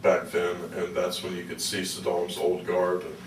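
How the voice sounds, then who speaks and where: A man with a deep voice recounts things casually as an interview guest, halting and folksy. He is recorded at some distance in an echoey room. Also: completely flat delivery. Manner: halting, repeats words, folksy. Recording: roomy, distant mic with faint noise.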